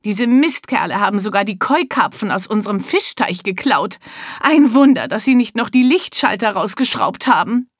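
A woman voicing a hot-tempered, rude rich man who shouts in outrage. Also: medium pitch, expressive, normal speed, no room sound, clean studio sound, lightly acted. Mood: aghast. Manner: shouting, indignant.

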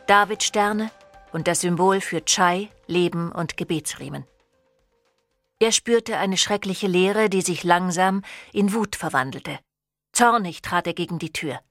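A woman narrating an audiobook in a measured, expressive way, recorded in a studio booth. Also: fairly low pitch, no room sound.

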